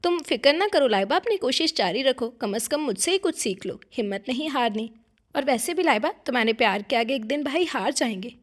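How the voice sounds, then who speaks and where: A woman's voice: sits high, animated. Woman doing a feisty hot-tempered girl. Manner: sharp, quick to flare.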